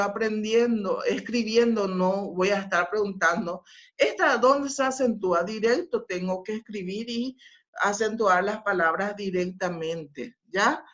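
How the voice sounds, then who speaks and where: A woman's voice: mid-range voice, a bit bright. A woman teacher giving a patient class over a video call, often checking that her students follow along. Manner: slow, patient explaining with frequent filler sounds and checks. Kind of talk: online class lecture. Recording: dull lo-fi audio.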